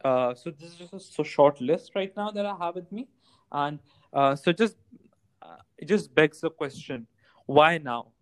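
A man's voice: on the high side, animated, moderate pace, no room sound. A man with a Pakistani accent hosting a casual podcast, switching between English and Hindi-Urdu mid-sentence. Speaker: podcast host.

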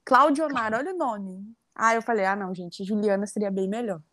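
A woman's voice: medium pitch, fairly quick, a bit bright, no room sound. A young woman from Rio de Janeiro with a Carioca accent, chatting reflectively as an interview guest. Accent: Carioca Brazilian Portuguese. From Rio de Janeiro, Brazil. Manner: chatty, reflective, frequent tag questions. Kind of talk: casual interview conversation.

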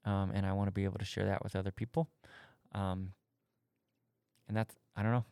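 A man in his thirties co-hosts a podcast and answers faith questions in casual conversation, candid and thoughtful as he searches for words. His voice sits low with a level tone and some vocal fry, mellow, clear and resonant, at a fairly quick pace. The audio is studio quality with no room sound.

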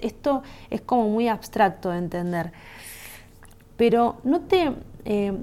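A woman's voice: fairly high pitch, dark tone. A woman with a Rioplatense Spanish accent hosting a podcast, talking through a reflective self-help monologue in a conversational way and often checking that the listener follows. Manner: conversational, asks "¿se entiende?" often. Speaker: podcast host.

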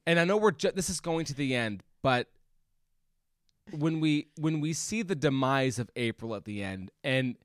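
Guy cohosting a movie podcast, lively up and down voice, dry close mic, keeps restarting himself. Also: medium pitch, normal speed, clear, resonant tone, no room sound. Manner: rambling, restarts often, animated. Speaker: podcast co-host. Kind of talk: casual movie review chat.

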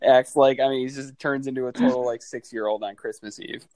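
A man's voice: mid-range voice, fairly even intonation, brisk, darkish tone. A man in his thirties hosting a casual chat, who laughs often, swears freely and acts out family scenes. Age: 30s. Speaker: podcast host.

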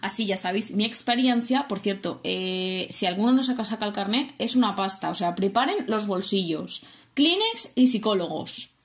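Animated young Spanish woman, echoey room. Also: medium pitch, moderate pace. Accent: Spain Spanish. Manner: animated, swears often, acts out quotes. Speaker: vlogger. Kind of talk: casual storytelling.

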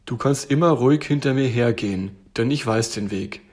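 A man voicing a calm, capable little male bear in a bedtime storybook reading, steady and reassuring. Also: mid-range voice, moderate pace, lightly acted.

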